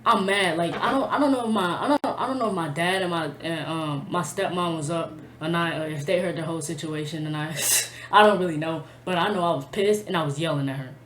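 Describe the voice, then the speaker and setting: A woman's voice: lowish voice, a little fast, hardly any pauses, fairly bright tone, slight background noise. A woman telling a personal storytime to camera in a blunt, profane, emotional way, full of slang. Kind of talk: casual storytime vlog. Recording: echoey room.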